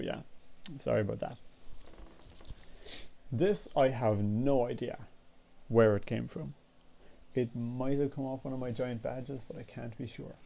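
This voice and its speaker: A vlogger in his 20s rambles through a casual, relaxed chat, swearing now and then. His medium-pitched voice is gravelly, and he sounds congested and sniffly.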